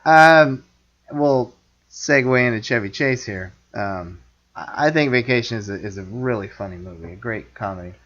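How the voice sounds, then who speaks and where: A man's voice: medium pitch, fairly bright tone. Man chatting eagerly about old comedies on dull lo-fi audio. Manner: enthusiastic, halting, quotes movie lines. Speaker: podcast co-host. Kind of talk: casual film chat.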